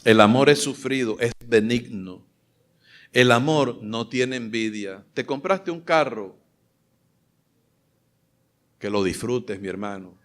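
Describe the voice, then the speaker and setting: A man preaching a sermon as pastor, fervent, swinging between loud exclamations and soft asides. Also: medium pitch, slow pace, long pauses.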